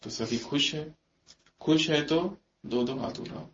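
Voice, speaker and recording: A man's voice: a little high, fairly bright tone. Man preaching in an echoey room. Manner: asks the listeners many rhetorical questions; slips quoted English phrases into his talk. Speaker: spiritual teacher. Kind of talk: religious discourse to a gathering. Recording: echoey, muffled room recording.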